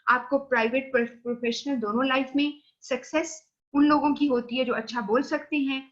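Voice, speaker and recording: A woman with a Pakistani accent and a fairly high voice teaches from her slides. She drops English terms into her explanation and checks that her students are following. The audio sounds dull and lo-fi. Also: fairly even intonation, normal speed, fairly bright tone. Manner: explains slide points, checks understanding with "theek hai". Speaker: lecturer. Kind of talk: recorded online lecture.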